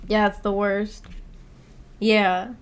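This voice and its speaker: Her medium-pitched voice is smooth, with little pitch movement and drawn-out words. The livestreamer, who runs a book club, chats loosely with viewers, answering their comments in a rambling, hesitant, giggly way.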